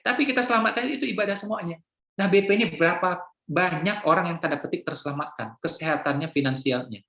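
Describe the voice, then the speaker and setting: A man's voice: sits high, fairly bright tone. A man giving an informal religious talk to business partners, speaking conversationally and often asking rhetorical questions and checking with the audience. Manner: conversational, with frequent rhetorical questions and "ya kan?" tags. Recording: echoey room.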